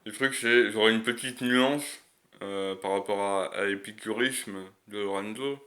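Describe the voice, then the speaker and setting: Lisping man, low-pitched rambler. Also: steady tone, pushed and bright. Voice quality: lisp, slushy s. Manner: rambling, hesitant, frequent long searching pauses; crude slang. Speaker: video creator. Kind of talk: unscripted casual monologue.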